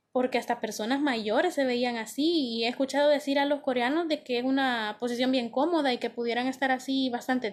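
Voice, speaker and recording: A woman recounting travel anecdotes in a chatty, casual storytelling manner. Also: fairly high pitch. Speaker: interviewee. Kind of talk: casual recollection.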